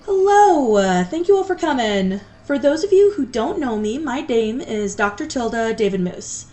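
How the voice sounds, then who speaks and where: An awkward, exasperated female magic scientist played by a woman in an audio drama. Her pitch swings in a lively way as she rambles and hesitates like a reluctant lecturer. There is faint noise behind her. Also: moderate pace, close to an everyday voice. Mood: awkward, hesitant. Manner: rambling, hesitant, dryly exasperated public speaker.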